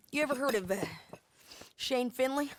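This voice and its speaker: Game music and horse hooves play behind a woman voicing a hardened frontier bounty hunter in a cutscene. She speaks gruffly in a dry, clipped, matter-of-fact way, her high voice at a measured pace.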